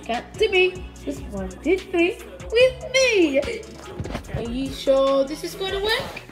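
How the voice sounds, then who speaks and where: A very high, bouncy female voice acts out a playful toy show and keeps swinging between characters. She talks in a slow, unhurried way, with the pitch leaping all over. Music plays clearly behind her. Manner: excitable, jumps between voices. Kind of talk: playful toy play-acting. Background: background music.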